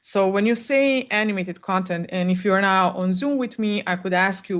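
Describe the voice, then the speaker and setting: This woman, a Serbian native from Serbia who coaches animation creators, answers questions alone in an advice talk. Her voice is on the low side, and she reasons aloud frankly, filling pauses often.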